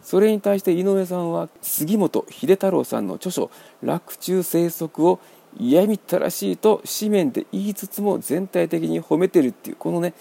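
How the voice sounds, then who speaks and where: A man hosting a radio book talk, explaining in a wry, measured way. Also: on the high side, vocal fry, mellow, breathy edge. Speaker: radio host.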